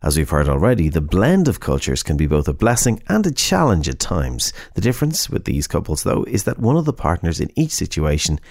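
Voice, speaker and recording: A man hosting a radio show, presenting in a measured, announcer-like way. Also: sits low, wildly swooping pitch, creaky, a little mellow, no echo, studio quality. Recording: faint music bed behind.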